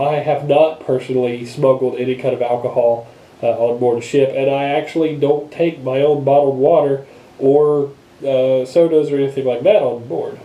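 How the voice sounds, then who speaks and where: Casual male vlogger, congested broken-nose sound, very dark mellow timbre, loose rambling delivery, roomy action-camera audio. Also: mid-range voice. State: congested blocked nose from being sick. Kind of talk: casual unscripted vlog talk. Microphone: action camera microphone.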